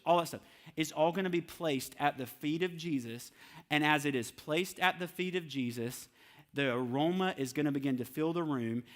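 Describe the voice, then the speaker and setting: A pastor preaches to his church in a conversational, emphatic, animated way. His voice is bright and forceful. It sits a little above the usual male pitch. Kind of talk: live sermon. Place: church service.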